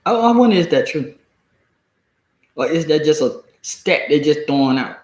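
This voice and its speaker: An American man with a deep Southern accent, reading and commenting casually on the news in a halting, folksy, colloquial way. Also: lively intonation. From United States. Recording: echoey room.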